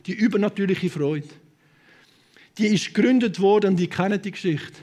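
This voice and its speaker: Swiss German male preacher, high voice, fiery sermon delivery with sudden quiet asides, mixes in English words. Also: moderate pace. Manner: impassioned, swings between loud proclamation and quiet asides; sprinkles English words into speech. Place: church hall with a congregation.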